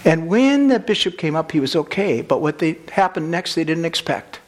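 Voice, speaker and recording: A man preaching a sermon, earnest and storytelling, slowing down for emphasis. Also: a little high, big pitch swings.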